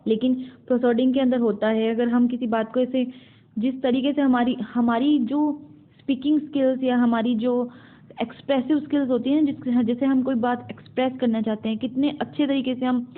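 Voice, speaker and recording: A woman's voice: on the high side, steady tone, normal speed. A woman teacher with an Indian accent explaining a university English syllabus topic, often restating her points and mixing in English terms. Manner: explains in Hindi mixed with English terms, repeating and rephrasing. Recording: phone-like narrow sound.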